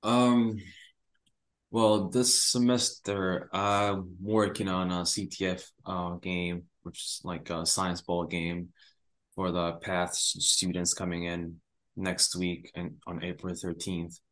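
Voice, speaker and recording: A young man from Rwanda with a very low, deep voice answers interview questions in a relaxed, halting way. He pauses often and leans on fillers as he talks. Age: young adult. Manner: hesitant, many "uh" and "like" fillers. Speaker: guest, university student.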